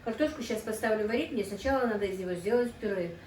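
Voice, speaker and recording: Fast-talking and slightly mellow, a middle-aged cooking vlogger with a medium-pitched voice chats casually at home, keeping up a habit of calling her viewers friends. She is far from the mic in an echoey kitchen, where a faint hum lingers underneath.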